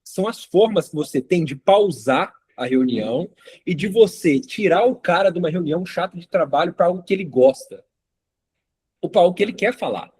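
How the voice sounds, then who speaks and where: Husky-voiced man teaching a casual class. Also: sits high, expressive, fairly quick, a little mellow. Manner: conversational, frequent tag questions and acted client dialogue. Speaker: course instructor. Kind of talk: casual online class lecture.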